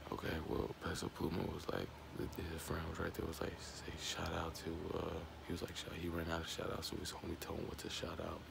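Whispering gravelly low-voiced man. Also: completely flat delivery, quick pace, hardly any pauses, noisy background. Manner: rambling, repeats words, cusses freely. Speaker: vlogger reacting to an interview clip. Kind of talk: whispered casual commentary.

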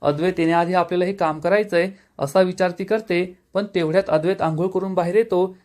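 A man narrating a scripted episode recap of a TV serial, steady storytelling that reads out every quote plainly. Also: high-pitched.

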